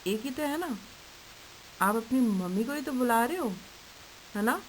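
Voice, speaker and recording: Slow, patient woman teaching young children. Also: fairly high pitch, animated, poor audio. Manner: slow, patient, asks questions and answers them herself. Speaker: primary school teacher. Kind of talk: online lesson for young children. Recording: faint hiss.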